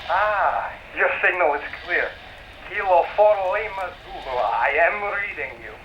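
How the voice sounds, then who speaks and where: An actor playing a Soviet air force colonel who calls over ham radio with formal radio talk, asking for help. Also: male voice, sits high, expressive, measured pace. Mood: urgent. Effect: voice heard over a ham radio. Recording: dull, echoey radio signal with loud hiss.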